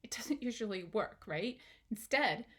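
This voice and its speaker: A woman with a voice on the higher side gives a parenting lesson to camera. She speaks straight to the viewer, asks questions and keeps her tone encouraging. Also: animated, unhurried, husky. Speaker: parenting educator. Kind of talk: instructional video talk.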